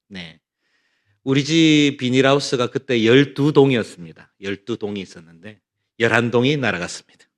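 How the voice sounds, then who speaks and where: Animated middle-aged male pastor preaching. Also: mid-range voice. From North Gyeongsang, Korea. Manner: animated storytelling with rhetorical questions. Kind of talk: Bible study sermon.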